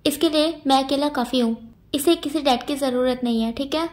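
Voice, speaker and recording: A woman's voice: high-pitched, a little fast, natural voice. A woman voicing a stubborn, defiant young man in a storybook reading, curt and dismissive.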